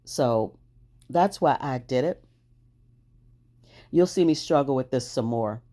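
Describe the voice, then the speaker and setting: A woman's voice: rumbling low, expressive, slow pace, dark tone. A woman hosting a crafting video, chatting cheerfully through each step and laughing at her own struggles. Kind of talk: casual crafting voice-over.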